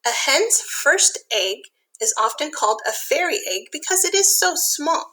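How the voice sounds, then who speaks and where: A woman with a high-pitched voice reads a picture book aloud to young children at a moderate pace, expressively, adding simple explanatory asides. The audio quality is poor.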